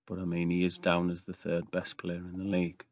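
A man's voice: deep voice, monotone, a little fast, a little hiss or hum. A man in his thirties hosting casual video game commentary, recorded in an attic room. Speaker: YouTube gaming host. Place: small brick-walled attic room.

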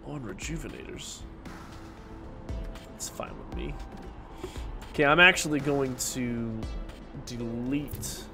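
Over game music, a young male streamer with a headset builds in a city-building game, sniffling a little from a cold as he chats and talks to himself in casual let's-play commentary. His mid-range voice is expressive, slow, pushed and bright, with long pauses.

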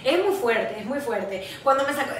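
This animated Venezuelan podcast co-host has a bright, slightly high voice and talks at a normal speed. She shares a story in a relaxed conversation, laughing at her own expense, while the echoey room, distant microphone, and faint hiss color the sound.

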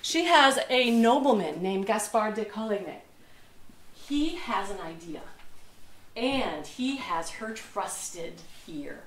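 A woman's voice: mid-range voice, animated, slow pace, a little hiss or hum. A woman museum docent giving a casual history talk to a small group, chatty and self-mocking, sometimes searching for a word. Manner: chatty, laughs at herself, loses words. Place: museum lecture room. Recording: echoey room, mic far off.

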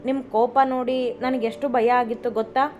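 A loving young wife, voiced by a woman storyteller, pleading in a tearful, fairly high voice. Her voice is fairly high and stays within a narrow range. The recording is slightly dull, with faint music behind. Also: flat delivery, moderate pace, close to an everyday voice. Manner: pleading, near tears.

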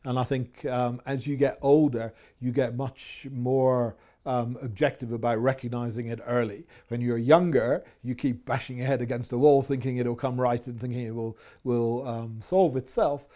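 A man in his fifties with a Scottish accent, a chief executive answering interview questions in a measured, reflective way in an office. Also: mid-range voice, fairly even intonation, mellow. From Scotland. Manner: measured, reflective, with frequent fillers. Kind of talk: business interview. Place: office with window blinds. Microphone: lapel mic.

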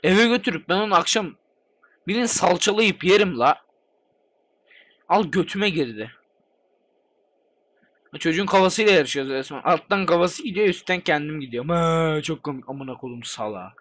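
A man with a high, lively voice commentates a game he's playing. He is excitable and chatty, swears constantly and swings his voice up and down as he reacts. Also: normal speed, pauses often. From Turkey. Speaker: gaming channel host. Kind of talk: let's play commentary.

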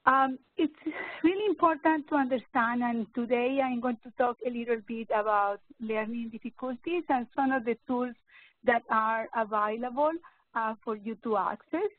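A woman in her fifties, a neurologist giving an educational webinar talk, speaking slowly and hesitantly with many fillers and restarts. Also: on the high side, no echo. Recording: narrow phone-like webinar audio, dry.

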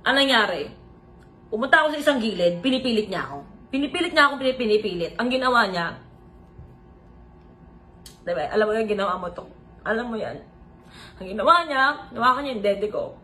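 A woman's voice: a little high, expressive, a little fast, pauses often, bright, forceful tone, soft background music. A woman vlogger earnestly telling a confessional story, mixing Tagalog with English phrases. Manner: earnest, retelling events in mixed Tagalog and English.

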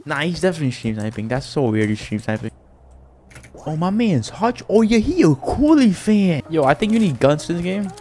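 A male gaming YouTuber giving excitable, slang-heavy live commentary while he plays. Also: fairly high pitch, fairly quick. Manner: excitable, slangy, says "bro" constantly.

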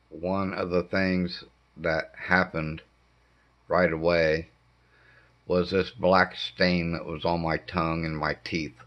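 A middle-aged man with a hoarse voice impaired by throat cancer treatment, giving a halting, casual update at home with many pauses. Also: sits low. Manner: slow, halting delivery with frequent ums. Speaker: homestead vlogger. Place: dim living room indoors. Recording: dull lo-fi camera audio.

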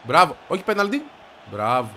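Excitable man yelling over a football game. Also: fairly high pitch, slight background noise. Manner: shouts and yelps at the game, frustrated outbursts. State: stuffy, congested voice. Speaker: gaming video creator. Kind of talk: excited gameplay commentary.

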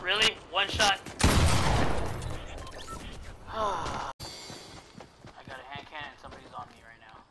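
A man's voice: fairly high pitch, expressive, measured pace, vocal fry, long pauses, very noisy. A man gaming and swearing in frustrated outbursts, his voice clipping and distorting through an overdriven mic. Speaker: gamer. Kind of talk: raging gameplay commentary.

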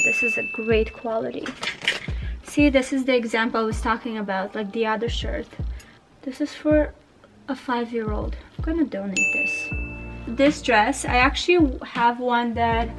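A woman in her twenties chatting casually to camera at home, thinking out loud with lots of fillers. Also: fairly high pitch. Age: 20s. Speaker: vlogger.

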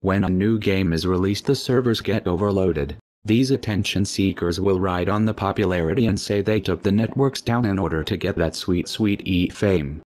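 A man speaking through a disguised deep voice, reading a cold, measured scripted statement as an anonymous spokesman. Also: darkish tone.

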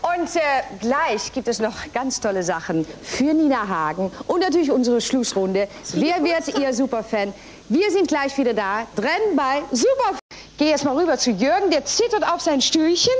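A middle-aged woman hosting a TV quiz show in a studio. She reads questions, announces scores and chats with contestants in a brisk way. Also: sits high, sing-song, slight background noise. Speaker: game show host. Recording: music and audience in the studio. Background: studio music and audience.

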